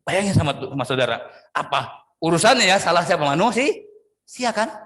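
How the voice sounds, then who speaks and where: The speaker is a male pastor delivering a sermon in an Indonesian accent. Loud emphatic lines give way to quieter, drawn-out phrases, and his animated style features sudden pitch swings and stretched-out words.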